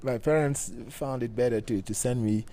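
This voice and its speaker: Cameroonian man with a mellow voice. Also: mid-range voice. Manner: halting, many restarts, laughs easily. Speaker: guest bassist. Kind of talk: casual interview talk.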